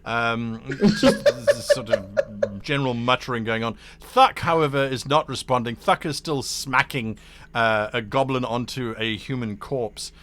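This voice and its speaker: A man narrating a tabletop game as game master, lively and laughing, with many fillers. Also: mid-range voice, normal speed, slight background noise.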